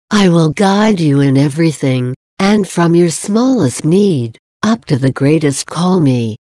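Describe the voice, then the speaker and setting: A woman's voice: deep voice, warm tone, dry recording, clean studio sound. Mary, a woman reading as a tender heavenly mother. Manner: slow, solemn and tender. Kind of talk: devotional reading.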